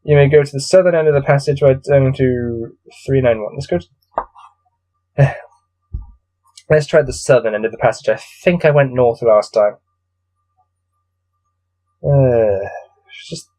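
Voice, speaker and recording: The audio is poor as this man, with a medium-pitched, mellow voice, reads a gamebook aloud. He alternates between narrating the text and offering casual, bored, exasperated remarks as host.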